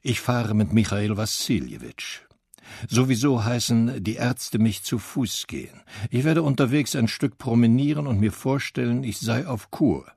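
A man's voice: fairly low pitch, sing-song, normal speed, creaky, few pauses, darkish tone, slightly rough, no echo, full character voice. A man voicing a stiff middle-aged official husband who speaks in a dry, mock-jocular tone, in a storybook reading.

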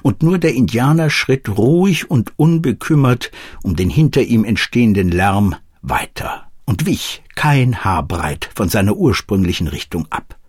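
A man narrates a classic adventure novel in a calm, measured storytelling manner. His voice sits low and carries a husky grain. The recording is dry and close, with no room sound. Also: dry recording. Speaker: audiobook narrator. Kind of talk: scripted narration.

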